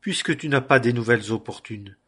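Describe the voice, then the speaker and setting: A man's voice: mid-range voice, fairly quick, fairly bright tone, slightly rough. A man reading the firm lines of an army commander during a scripture reading. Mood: stern. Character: stern male army commander.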